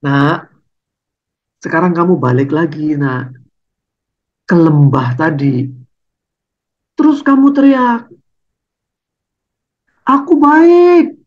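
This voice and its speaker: A preacher voicing a calm mother gently coaxing her child, in a raised voice. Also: medium pitch, slow, pauses often. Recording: dull lo-fi recording.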